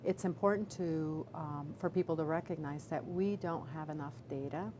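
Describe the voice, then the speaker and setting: Middle-aged woman doctor with a low voice; careful, hesitant answers, noisy line. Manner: measured, with many fillers and restarts. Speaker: obstetrician gynecologist, chief medical officer. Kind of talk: live video Q&A answer. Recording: background noise.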